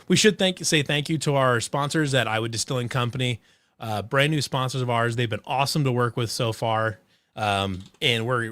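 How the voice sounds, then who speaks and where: Man, casual sports chat, rambling and excitable, dry close sound. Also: medium pitch, dry recording. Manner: rambling, many restarts and fillers. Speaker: podcast host.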